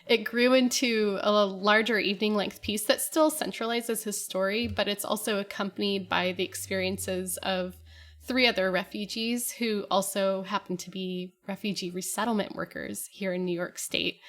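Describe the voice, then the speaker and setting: A woman's voice: mid-range voice, a bit bright. Woman composer, guest, easy chatty delivery, mid-range voice. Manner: chatty, with frequent fillers and laughs. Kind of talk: casual interview talk.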